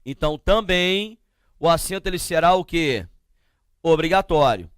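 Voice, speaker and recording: A man teaching a grammar lesson, explaining slowly and often asking the class to check they follow. He speaks with a Brazilian Portuguese accent. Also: fairly high pitch, animated, smooth, no room sound, clean studio sound. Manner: slow, drawn-out explanations with frequent checking questions.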